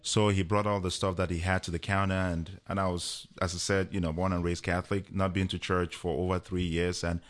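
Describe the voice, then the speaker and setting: A man, a guest telling a personal story in an unhurried way with many fillers. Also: deep voice, little pitch movement. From Cameroon.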